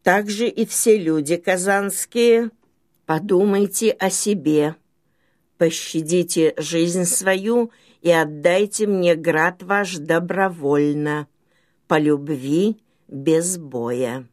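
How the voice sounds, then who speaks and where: A solemn tsar from an old storybook, as a woman reads him. The delivery is low and unhurried, with formal, measured authority that commands obedience. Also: darkish tone. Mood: stately, commanding. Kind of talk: storybook reading.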